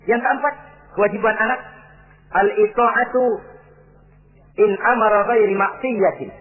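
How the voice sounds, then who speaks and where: Middle-aged male preacher, high voice, lively sermon delivery, tinny lo-fi recording. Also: unhurried. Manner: animated, acts out quoted voices.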